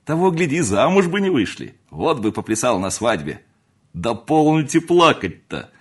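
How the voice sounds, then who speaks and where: A hearty, teasing old family friend with a raised, lively voice, as a man puts him on. He chuckles through his lines and the tone carries a slight huskiness. This is a storybook voice. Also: medium pitch, normal speed, slightly rough, voice pushed up. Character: jovial older male family friend, fond of food and drink.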